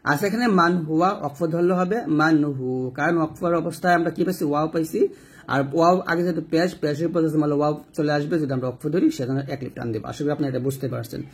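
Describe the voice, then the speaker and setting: Man, slightly high, husky voice, recitation teacher, spells letters then chants them slowly. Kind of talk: step-by-step recitation lesson.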